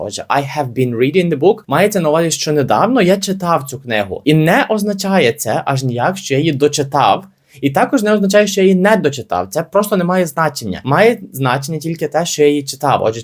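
A young man runs through a grammar lesson at a brisk clip. He explains patiently, repeats the key points and keeps reassuring beginners. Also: on the high side. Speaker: English teacher.

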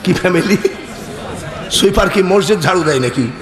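A middle-aged man from Bangladesh giving a humorous sermon. He tells stories and acts out dialogue in an animated, joking manner. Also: high voice, moderate pace, reverberant, long reverb tail, crowd noise. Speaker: preacher. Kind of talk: humorous Islamic sermon with storytelling.

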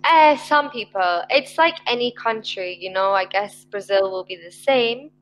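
A woman's voice: on the high side, animated, a little slow, rough recording. A young woman with a mild Scottish accent, an online English tutor chatting in a friendly, reassuring way on a video call, talking into a headset in a small room. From Scotland. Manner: friendly, reassuring, laughs easily. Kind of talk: casual video call chat.

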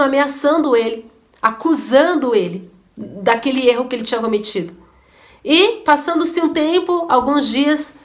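A woman telling a story and preaching earnestly in a devotional video. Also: high-pitched. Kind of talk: devotional sermon-style storytelling.

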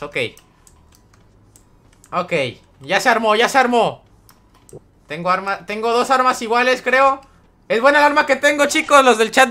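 With a light, forward voice that sits high and bright, a young man streams a game live, reading out chat messages and welcoming viewers by name as he plays. His patter stays loose and friendly throughout.

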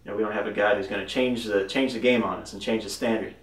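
A man's voice: on the low side, fairly even intonation, fast, far from the mic. A man teaching devotionally from the Bible, reading verses aloud and commenting with emphatic bursts. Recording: roomy echo, voice from off-mic.

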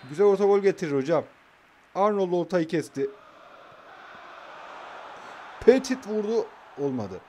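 A man's voice: high-pitched, expressive, fairly quick, darkish tone, a little hiss or hum. A young man casually commentating his own football video game match, calling out passes and trash-talking his opponent.

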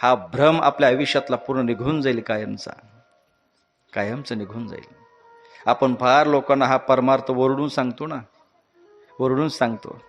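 A man preaching a devotional sermon and telling a story, swinging between loud exhortations and soft asides to his audience. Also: medium pitch, normal speed, pauses often, soft background music.

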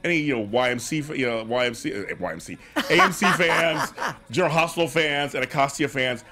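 Wearing headphones at a large studio mic, a middle-aged host leads a casual interview chat in a podcast studio. He comes across as effusive and enthusiastic, with a slightly high, sharp-toned voice and a fairly quick delivery.

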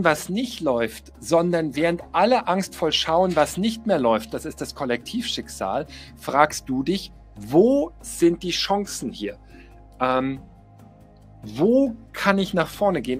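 A middle-aged man giving a motivational coaching talk, emphatic, repeating key phrases and speaking straight to the listener. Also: on the high side. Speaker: life coach.

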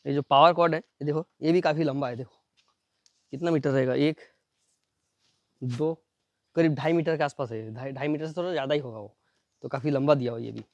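A man doing a fast, chatty unboxing demo, pointing things out again and again as he shows each part. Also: fairly high pitch, dry recording, highs cut off. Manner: fast, chatty, repeats "ye dekho" constantly. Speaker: product reviewer. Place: at home near a building site.

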